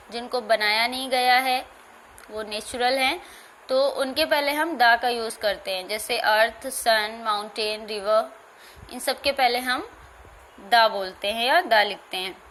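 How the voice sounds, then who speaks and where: A woman teacher talks through a grammar lesson at an unhurried pace, spelling words letter by letter and repeating key points. Her voice sits a little high. A faint background noise runs under the recording. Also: fairly bright tone. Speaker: school teacher.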